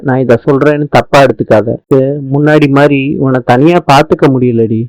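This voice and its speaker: A man's voice: medium pitch, a little fast, a little mellow, no echo, lightly acted, rough recording. A man reading the lines of an elderly grandmother who is anxious about a hurt boy and pleads with her daughter. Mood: worried.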